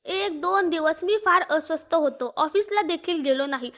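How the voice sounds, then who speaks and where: Very high-voiced woman narrating a story. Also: normal speed, fairly bright tone. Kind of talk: scripted narration of an emotional family story.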